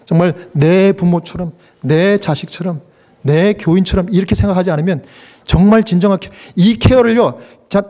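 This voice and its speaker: High-voiced man preaching with feeling. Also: moderate pace, dark tone. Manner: emotional preaching with sudden pitch leaps and acted quotes; conversational, asks the congregation questions. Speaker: pastor. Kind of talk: sermon.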